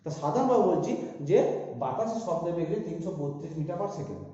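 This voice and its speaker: A male teacher, speaking in a high but very dark, mellow voice as he talks through sums and answers his own questions. The sound is dull and lo-fi, with a heavy echo and a long reverb from a large hall. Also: lively intonation, a little fast. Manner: works through sums aloud, asking and answering himself. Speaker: physics teacher. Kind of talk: classroom lecture. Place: large echoey room.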